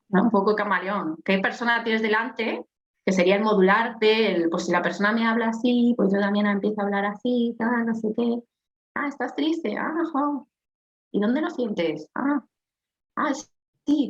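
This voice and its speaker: A woman with a strong voice, chatting animatedly as a coach on a podcast and laughing at herself. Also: a little high. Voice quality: strong, forceful voice. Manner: animated, lively, acts out little scenes and laughs at herself. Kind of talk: casual podcast discussion. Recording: echoey, slightly dull sound.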